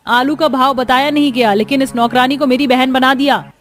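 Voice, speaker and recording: A woman voicing a touchy young unmarried woman who takes offense quickly and talks in an indignant, raised voice. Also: sits high, steady tone, voice pushed up, close to an everyday voice.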